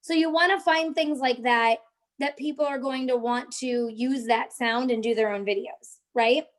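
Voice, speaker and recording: A woman's voice: high-pitched, steady tone, normal speed. A young woman hosting a casual live-stream tutorial, chatting with viewers in the chat as she walks them through social media tips.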